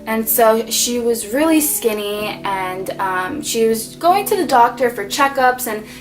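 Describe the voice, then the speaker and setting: A young woman vlogging about losing her best friend, talking softly and tearfully with many pauses and fillers. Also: fairly high pitch, expressive, over music. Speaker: beauty vlogger. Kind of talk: emotional personal vlog.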